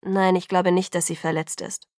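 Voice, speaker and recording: A tall young man with a deep, steady voice calls out firmly and speaks with calm assurance, as a woman reading a storybook puts him on. The sound is close and dry, with no room around it. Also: moderate pace, dry recording, natural voice.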